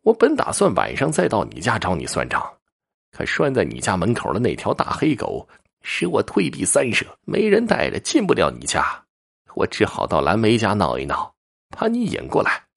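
Man putting on a haughty, gravelly fox spirit. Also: fairly low pitch, huge pitch swings, moderate pace, heavily acted. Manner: haughty, mocking. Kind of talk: storytelling.

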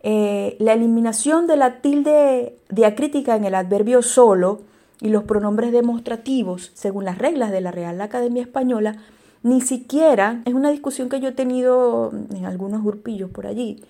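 A woman teaching spelling rules, talking straight to her listeners and often pausing with fillers and restarts. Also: fairly high pitch, warm tone. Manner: hesitant, many fillers and restarts; addresses listeners directly. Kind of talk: explaining spelling rules to viewers.

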